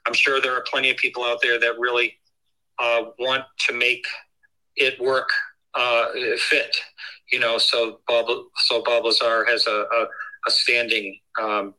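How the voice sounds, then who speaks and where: A man calling in as co-host, heard through a phone on speakerphone, talking casually in a halting way with many fillers and restarts. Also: medium pitch, level tone, sharp tone, poor audio. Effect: heard over a phone on speakerphone. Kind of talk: casual live chat.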